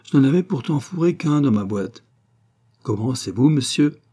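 A man voicing a rough, blunt male cab driver who bellows coarse remarks in a storybook reading. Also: medium pitch, animated, normal speed, mellow, voice pushed up, lightly acted. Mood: mocking.

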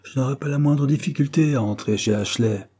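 A man voicing an irritable, lanky glove worker who shouts angrily in a storybook reading. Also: medium pitch, a little fast, voice pushed up, lightly acted. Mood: angry. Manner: angry, shouting.

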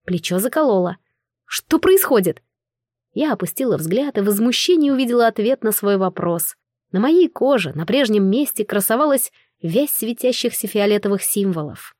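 A woman narrating a first-person fantasy novel in an expressive, storytelling manner. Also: medium pitch, a little fast, dry recording, clean studio sound. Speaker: audiobook narrator.

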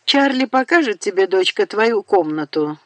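A woman voicing an older uncle, a warm family patriarch, speaking briskly and heartily in an audiobook. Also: medium pitch, animated, dry recording, close to an everyday voice. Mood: hearty.

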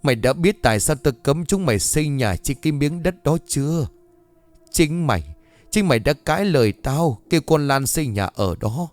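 A man's voice: medium pitch, darkish tone, dry recording, natural voice. A man doing a stern grieving old father. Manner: scolding, harsh.

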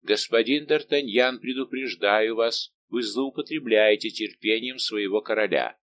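Male reader voicing a haughty young king: imperious, indignant, low-pitched audiobook read. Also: expressive, moderate pace, fairly bright tone, dull audio. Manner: commanding, indignant questioning. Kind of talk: audiobook reading.

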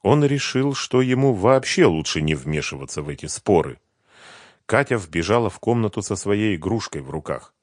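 Man, audiobook narrator, lively intonation, dry close sound. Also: lowish voice, no echo. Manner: measured storytelling.

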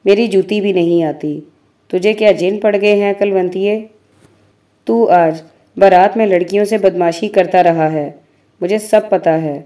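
A woman voicing a sharp-tongued young village woman who scolds in a low tone. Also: unhurried, close to an everyday voice. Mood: scolding.

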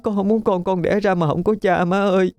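A man's voice: sits high, fairly even intonation, brisk, a little mellow, clean tone, faint music behind, voice pushed up. A man voicing a desperate young pregnant woman begging her mother in a spoken ghost story. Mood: tearful pleading.

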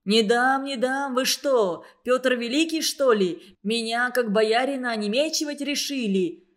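A woman reading a storybook aloud and voicing an enraged older man who shouts in outrage. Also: fairly high pitch, unhurried, natural voice. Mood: furious. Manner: shouting, indignant. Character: furious older man, roaring at the barber.

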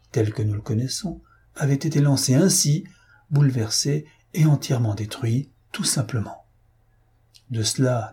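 A man reading a classic short story aloud in a measured, dramatic narration. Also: mid-range voice, mellow, breathy edge. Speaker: audiobook narrator. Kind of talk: scripted literary narration.

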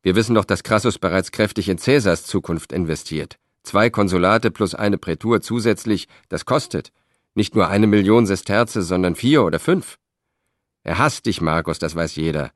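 A man voicing a blunt, irritable Roman brother in an audiobook, forceful and exasperated. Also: sits low, normal speed, no room sound, clean studio sound, natural voice.

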